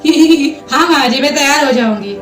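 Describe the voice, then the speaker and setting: A woman's voice: high voice, moderate pace, natural voice. A woman voicing a young bride who giggles through everything she says. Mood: giggly. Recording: roomy, distant mic, faint music.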